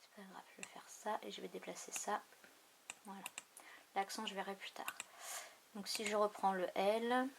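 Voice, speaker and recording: A woman hosting a craft tutorial, thinking aloud in an unhurried way with many fillers as she works on a computer. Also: mid-range voice, fairly even intonation, creaky, background noise. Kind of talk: casual screen tutorial narration. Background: mouse clicks.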